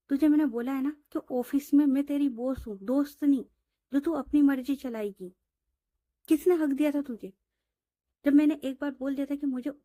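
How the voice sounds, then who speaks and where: A woman voicing a stubborn, quick-tempered young female boss who scolds and protests. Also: high voice, mellow, no room sound, studio quality, natural voice. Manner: scolding, indignant.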